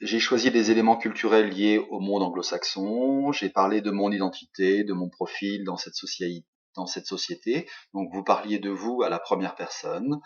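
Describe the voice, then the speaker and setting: A man's voice: fairly low pitch, normal speed. A man with a French accent, a native French speaker, teaching English and giving recorded feedback on a student task, hesitant and full of fillers. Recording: dull lo-fi recording.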